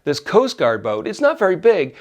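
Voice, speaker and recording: A middle-aged man casually telling a personal story, animated and often laughing as he acts out his own yells. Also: high-pitched, normal speed.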